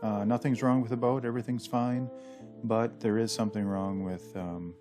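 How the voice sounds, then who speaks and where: Low-voiced guy rambling through his boat vlog voiceover, music playing loud underneath. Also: steady tone, moderate pace. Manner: chatty, rambling, self-deprecating with many fillers. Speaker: sailing channel host. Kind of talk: voice-over narration of a sailing vlog. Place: house full of dogs.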